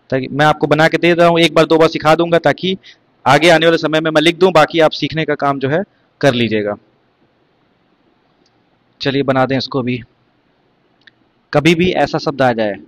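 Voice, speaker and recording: Male teacher, mid-pitched, explains terms step by step and quizzes students. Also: no room sound. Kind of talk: exam vocabulary lesson.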